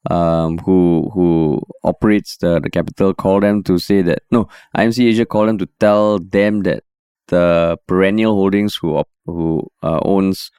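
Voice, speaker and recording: A man's voice: sits low, steady tone, normal speed, dark tone, clear, resonant tone, no echo, studio quality. A man with a Singaporean accent chatting casually as a podcast co-host, using Singlish slang.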